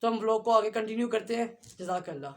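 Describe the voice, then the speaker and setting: A man's voice: high voice, heavy background noise. A man vlogger earnestly retelling a religious story and speaking straight to his viewers. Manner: earnest, fast storytelling with direct address to viewers.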